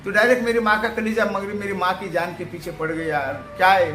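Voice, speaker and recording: A man's voice: high-pitched, level tone, quick pace, background noise, close to an everyday voice. A man voicing a devoted grown son who pleads in anguish, in a roomy echo.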